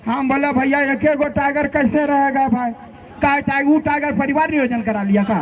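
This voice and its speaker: At a noisy outdoor rally with a loud crowd behind, a man with a Jharkhand accent gives students a passionate, informal political speech, addressing them as their leader. His very high voice holds fairly even intonation at normal speed, and the audio sounds dull.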